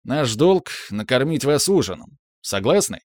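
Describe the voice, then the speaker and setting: Brisk genial older host, cordial and quick, a male narrator reading him. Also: medium pitch, very animated, no room sound, pitched above the performer's own voice, lightly acted. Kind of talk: audiobook reading.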